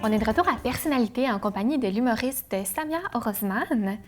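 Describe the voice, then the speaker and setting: A woman's voice: a little high, animated, fairly quick, music in the background. A woman talk show host introducing a segment and inviting her guest.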